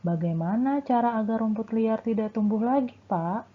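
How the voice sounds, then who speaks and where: A woman's voice: a little high, very slow, husky, voice pushed up, exaggerated voice. Teacher lady reading out a curious school kid, eager questions, lilting up, tinny phone sound.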